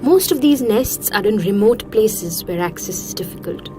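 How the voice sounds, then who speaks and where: A woman's voice: mid-range voice, very animated, normal speed, over music. A woman reading scripted narration for a nature documentary, as its narrator.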